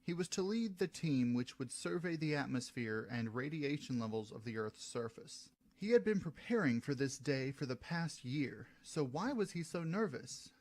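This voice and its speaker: A man narrating his own science fiction story in a steady reading voice. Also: a little high, normal speed, hardly any pauses. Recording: soft music behind.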